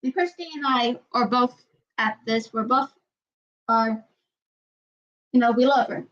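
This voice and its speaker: A woman's voice: fairly high pitch, steady tone, unhurried, a bit bright. A woman hosting a casual livestream chat, rambling and repeating herself as she reads out viewer comments. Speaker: channel host. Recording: dull lo-fi sound.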